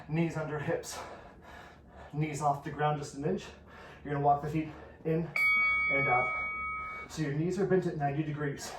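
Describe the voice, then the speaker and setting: A man coaching a workout, counting down reps with encouragement while breathing heavily. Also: fairly high pitch. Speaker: fitness instructor. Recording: echoey room, distant from the mic, noisy.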